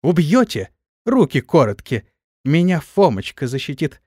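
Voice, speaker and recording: Brash young elf girl, squeaky and bouncing all over, a male reader puts her on, dry sound. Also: very animated, moderate pace, darkish tone, no room sound, natural voice. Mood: defiant. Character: cheeky small young female elf girl.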